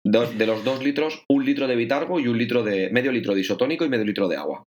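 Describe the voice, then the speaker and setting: A man spins a long anecdote in a relaxed podcast chat. His voice sits at an ordinary middle pitch, and he swears freely, acting out what went through his head. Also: fast, dull audio, slight background noise. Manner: lively storyteller who swears and acts out his own thoughts. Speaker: podcast co-host, triathlete. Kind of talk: casual chat.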